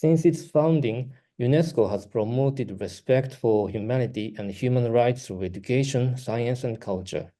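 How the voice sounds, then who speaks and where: Warm and medium in pitch, the voice belongs to a male researcher reading a prepared academic talk. He is a native Japanese speaker with a Japanese accent, proceeding carefully with brief pauses.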